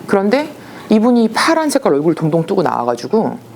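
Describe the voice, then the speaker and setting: A woman, a shaman, telling stories in a casual, animated way and acting out the voices she quotes. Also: medium pitch, brisk, vocal fry, slight background noise. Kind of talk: casual storytelling.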